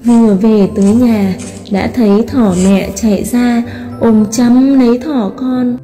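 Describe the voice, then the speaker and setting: A preschool teacher, narrating a storybook tale for children slowly and carefully. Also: female voice, on the high side, fairly even intonation. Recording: long hall reverb, soft music behind.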